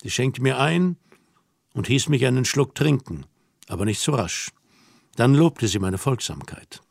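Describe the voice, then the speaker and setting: A man reading a novel aloud in the first person, in a measured, reflective manner. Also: mid-range voice, expressive, vocal fry, no echo, studio quality. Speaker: audiobook narrator. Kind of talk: literary audiobook narration.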